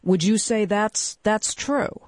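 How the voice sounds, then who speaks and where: A male public radio host with a fairly high voice, recorded very dry. He speaks conversationally as he interviews guests and restarts his probing questions as he goes. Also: slow pace, dry recording.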